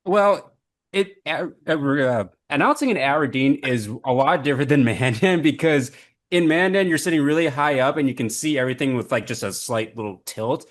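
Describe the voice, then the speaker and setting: A man's voice: fairly high pitch, moderate pace. A young man hosting a racing podcast who also announces races, talking animatedly and laughing as he recaps. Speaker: podcast host and race announcer.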